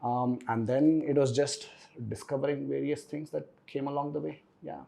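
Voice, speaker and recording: A man's voice: mid-range voice, level tone, moderate pace, vocal fry, warm tone, low-quality recording. A middle-aged man with a South Indian accent explains things conversationally as an interview guest, repeating words for emphasis and often checking in with "right?". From Bangalore region, India. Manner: emphatic repetition, tags statements with "right?". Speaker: interview guest, startup founder.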